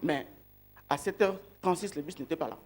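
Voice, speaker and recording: In his sermon, a man who grew up outside Belgium speaks with slow deliberation, asks rhetorical questions of his listeners, and returns again and again to key words. He is a preacher with a fairly high-pitched voice.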